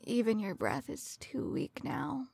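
A woman playing a coldly tender serial killer in a soft, breathy ASMR role-play, slowly soothing her victim as if comforting someone in her lap. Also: on the high side, very animated, dry recording, exaggerated voice. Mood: tender, hushed.

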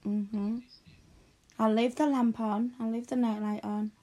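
A woman speaking softly and soothingly in an ASMR caregiver roleplay, slipping into hushed whispers. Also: on the high side, little pitch movement. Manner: soft, soothing, slow and hushed, often drifting into whispers.

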